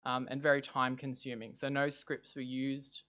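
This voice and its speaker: A man presenting an informal lightning talk, explaining things in a halting way with small self-corrections. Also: medium pitch, monotone, pushed and bright. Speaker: presenter, digital preservation specialist.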